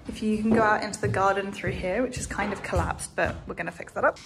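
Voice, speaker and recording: Music plays in the background as a young woman chats candidly to her phone camera, held at arm's length, while strolling through an empty house and onto a street. Her mid-range voice is steady and fast in this casual vlog narration.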